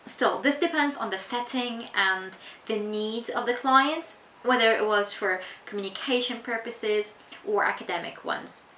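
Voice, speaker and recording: Recorded in an echoey room with a bit of faint noise, an English teacher from Tunisia, young and non-native in English, explains her answers to an interviewer carefully, punctuated by frequent ums. Her voice sits slightly high, bright and forceful.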